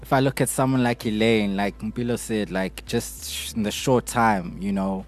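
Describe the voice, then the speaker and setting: Low-voiced South African man chatting casually. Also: steady tone, normal speed. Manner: often tags phrases with "you know". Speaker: podcast panelist. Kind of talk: casual discussion.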